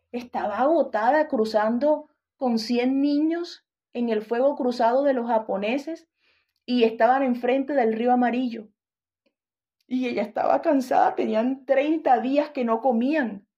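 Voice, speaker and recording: A woman preacher with a mellow, fairly high voice delivers an impassioned sermon. She keeps firing direct questions at her listeners. The recording sounds muffled and lo-fi.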